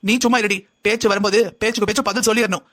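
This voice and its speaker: Guy voicing a whole family arguing in a cartoon drama, high-ish voice, heated and rapid. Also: fairly even intonation, fairly bright tone. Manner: heated, argumentative back-and-forth.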